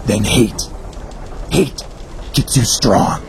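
An actor playing a hardened fellow galley slave who gives terse, grim counsel in a historical drama. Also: male voice, mid-range voice, drawn-out words, gravelly, loud music behind the voice.

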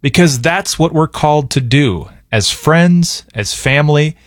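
A man's voice: on the high side, expressive, a little slow. A man speaking as a radio DJ, delivering a scripted inspirational message in an encouraging way.

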